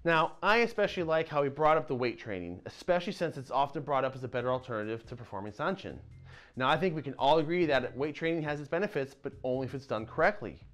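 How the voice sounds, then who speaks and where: A man in his thirties hosting a martial arts channel, presenting an explainer to camera in a lively, gesturing way with casual asides. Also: mid-range voice, quick pace, soft background music. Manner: animated, talks with his hands, casual asides. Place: dim indoor dojo-style room. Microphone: lapel mic.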